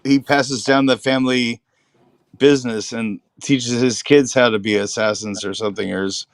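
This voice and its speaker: A man with a medium-pitched voice chats casually as a panelist. His voice is recorded dry, with no room sound. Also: steady tone, moderate pace, no room sound. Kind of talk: casual chat.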